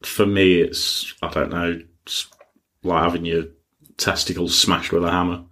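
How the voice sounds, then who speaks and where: A man's voice: sits low, flat delivery, a little slow, a bit bright. A man co-hosting a podcast, chatting casually about music news in blunt, dry short replies. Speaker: podcast co-host.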